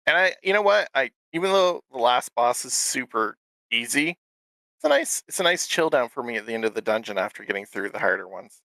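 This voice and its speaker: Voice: mid-range voice, lively intonation, brisk, creaky, bright, forceful tone, dry recording, rough recording. A co-host with a Canadian accent in upbeat, enthusiastic casual gaming chat. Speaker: podcast co-host.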